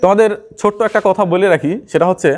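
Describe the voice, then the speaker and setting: A man's voice: high voice, racing, noisy background. A man teaching English grammar in a classroom style, explaining step by step and repeating key terms.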